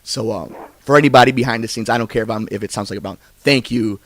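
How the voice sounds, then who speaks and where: A man with an American accent hosts a casual podcast, interviewing and signing off in an earnest, effusive way. His mid-range voice is fairly bright, he talks fast, and the recording is dry.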